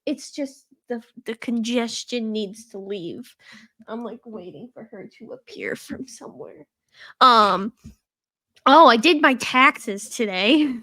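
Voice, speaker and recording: A podcast co-host, stuffy from a cold, chats casually in a studio, rambling with lots of "like" and laughing frequently. Her voice is a little high, slow, pushed and bright, and the recording is dry and rough.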